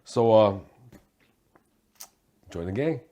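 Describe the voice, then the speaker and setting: A man's voice: fairly low pitch, animated, extremely slow, mellow, highs cut off. A man, a guest talking casually in an interview in a streetwise way, often laughing. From Hong Kong. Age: 40s. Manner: streetwise, laughs while telling stories.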